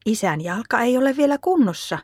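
A gentle, patient mother speaks softly and soothingly to her child, voiced by a woman reading the story. The voice sits somewhat higher and the sound is dry. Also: big pitch swings, breathy edge, dry recording.

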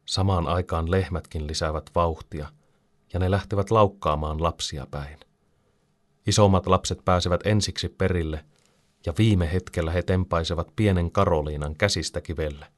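Deep-voiced man reading a story. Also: fairly even intonation. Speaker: narrator.

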